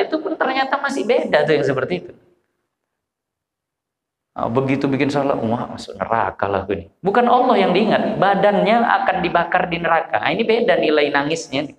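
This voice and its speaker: Medan malay preacher guy, chatty storytelling lecture, acts out little prayers, roomy echoey hall sound. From Medan, Indonesia. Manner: animated storyteller, acts out prayers in low voices. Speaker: Islamic preacher. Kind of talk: informal religious lecture. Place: village study gathering. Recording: echoey hall with long reverb.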